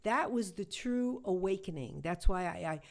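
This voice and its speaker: A woman, a shamanic healer, telling a personal story in an interview, halting and emotional, with many restarts and repetitions. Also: medium pitch, expressive, gravelly, darkish tone.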